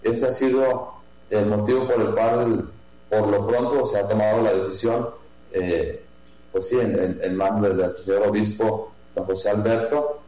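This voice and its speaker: Slow, dark-voiced Mexican priest. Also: male voice, fairly low pitch. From Mexico, Jalisco. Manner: slow, halting, many fillers and restarts. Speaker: priest in charge of a seminary. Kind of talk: interview answers. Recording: echoey room with mains hum.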